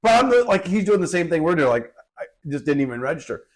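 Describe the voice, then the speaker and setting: A man co-hosting a casual podcast with a fairly high voice. He tells stories with energy and acts out quoted lines as he goes. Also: big pitch swings, quick pace. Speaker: podcast co-host.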